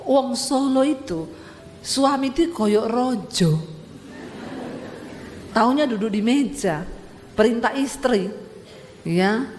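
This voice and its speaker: A middle-aged woman pastor with a Sulawesi accent preaches in a fairly high voice, telling stories with lively rising tones and acting out each quote. Her voice rings through a reverberant church hall. A faint hum of noise sits underneath. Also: takes it slowly, long pauses. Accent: Sulawesi Indonesian. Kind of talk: sermon.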